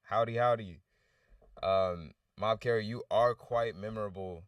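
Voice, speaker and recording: Deep-voiced man reviewing songs on a stream. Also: a little slow, dry recording, distant mic, lo-fi sound. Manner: candid, loose and rambling with restarts. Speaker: livestream music reviewer. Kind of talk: casual livestream feedback.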